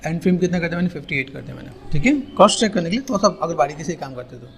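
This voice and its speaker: Gravelly, higher-voiced man teaching software. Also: lively intonation, rapid-fire, a little hiss or hum. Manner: repetitive, keeps saying "here" and "okay". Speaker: software tutorial instructor. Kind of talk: casual screen-recorded tutorial.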